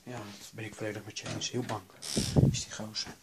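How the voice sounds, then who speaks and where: A man giving excited role-play commentary, jumpy and swearing, muttering to himself to stay calm. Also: fairly low pitch, brisk, crowd noise. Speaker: gamer doing a role-play.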